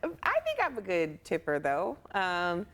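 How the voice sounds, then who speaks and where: A woman co-host on a morning television show, chatting candidly about her own life with a voice that swings up and down freely. She talks in a relaxed, everyday way, quick to laugh along with her partner. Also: lowish voice. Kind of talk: casual studio banter. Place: local TV news studio.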